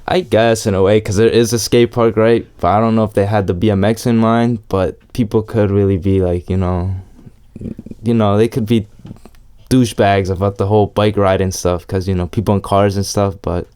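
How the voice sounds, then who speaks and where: A young Salvadoran man, long settled in New York, chats casually as an interviewee and amateur BMX rider, easygoing, slangy and hedging. His voice is lowish and darkish, clear and resonant, with fairly even intonation at a moderate pace.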